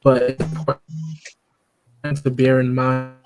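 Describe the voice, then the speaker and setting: A man on an online call, talking through his picks slowly and methodically with hedging fillers, his audio clipping and breaking up. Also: medium pitch, completely flat delivery, over music. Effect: choppy, breaking-up online call audio. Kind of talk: casual football chat. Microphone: computer mic on a video call.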